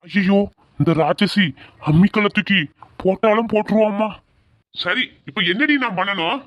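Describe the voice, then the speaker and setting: A man's voice: sits high, moderate pace, dull audio. A man playing a sleepy, exasperated husband in a comic couple sketch. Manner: grumbling, exasperated. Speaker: sleepy husband in a comedy skit.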